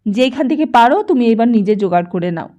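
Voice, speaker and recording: A woman voicing a weary, bitter poor mother who scolds her son in a nagging, sharp, raised voice, in a dull lo-fi audiobook recording. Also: high voice, lively intonation, a little slow. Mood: scolding. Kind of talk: audiobook character voice.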